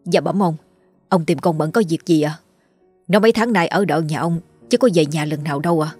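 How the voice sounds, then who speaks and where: A woman voicing a frightened, humble peasant father who speaks with deep deference. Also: a little fast, darkish tone, husky, soft background music. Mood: deferential. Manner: pleading, deferential.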